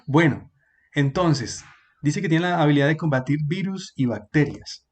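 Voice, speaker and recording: A man teaching an online class, patiently explaining and repeating words slowly for his students. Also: a little high, lively intonation.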